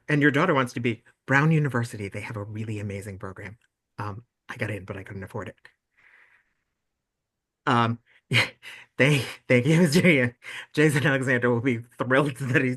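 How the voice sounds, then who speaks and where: A young man leads an online meeting over a video call, bubbly and gushing. His voice sits at a middle pitch. He talks in a casual, chatty way. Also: bright, forceful tone. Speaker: webinar host for volunteers and parents.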